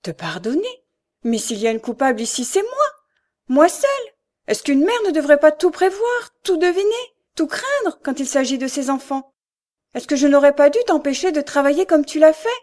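A woman voicing a distraught mother who fears for her daughter, speaking in a high, wailing, grief-stricken way. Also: sing-song, normal speed, a little mellow. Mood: anguished.

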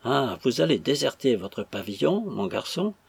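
A man voicing a calm, stern older sea captain who speaks dryly. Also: mid-range voice, moderate pace, creaky, slightly rough, no room sound, exaggerated voice.

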